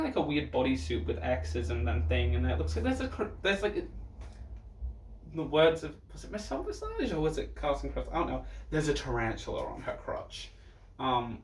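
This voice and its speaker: This drag performer reviews looks in a fairly high-pitched voice, trading in blunt, sassy, campy reactions. There's slight background noise, plus the roomy echo of a distant microphone.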